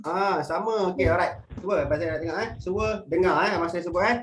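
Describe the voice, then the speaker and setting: A man's voice: high voice, fast, a bit bright. A young man running an online workshop for primary pupils, talking in an upbeat, playful way and leading call-and-response drills. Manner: upbeat and playful, calls himself big brother, leads call-and-response drills. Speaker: workshop facilitator for schoolchildren. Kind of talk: webinar talk to primary pupils. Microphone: online video call. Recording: noisy online webinar audio.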